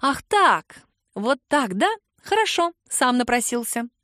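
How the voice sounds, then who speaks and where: A woman's voice: high-pitched, big pitch swings, takes it slowly, a bit bright, no room sound, clean studio sound, exaggerated voice. A woman reader voicing a guarded young woman who answers in curt, clipped lines.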